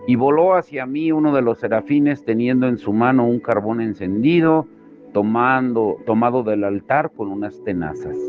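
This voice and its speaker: Slow, measured male pastor, tinny sound. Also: lowish voice. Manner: slow, measured reading with dramatic emphasis. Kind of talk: devotional Bible reading and sermon. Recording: tinny phone-like sound with faint music.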